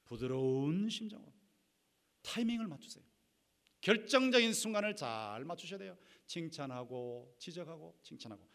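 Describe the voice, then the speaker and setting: A man preaching a sermon to his congregation, acting out quarrelling spouses and swinging between loud bursts and near-whispers. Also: a little high. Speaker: pastor. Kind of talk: sermon on marriage conflict.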